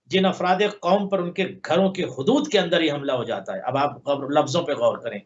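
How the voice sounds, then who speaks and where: A male religious scholar gives sermon commentary on a live broadcast. He recites Arabic slowly, then unpacks it with long chains of repeated, parallel phrases. His voice sits fairly high, and the dull, lo-fi audio muffles it.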